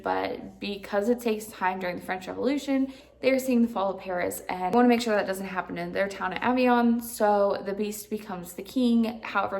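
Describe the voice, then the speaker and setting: A woman's voice: mid-range voice, gravelly. A woman vlogger casually reviewing books, chatty and rambling with lots of filler words. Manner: exasperated ranting at times. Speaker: book vlogger. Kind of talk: casual book review chat.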